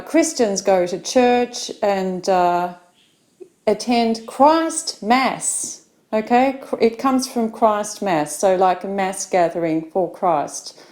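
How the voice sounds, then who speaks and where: A woman's voice: mid-range voice, dark tone. A middle-aged Australian woman, an English teacher, giving a practice speaking talk with many fillers.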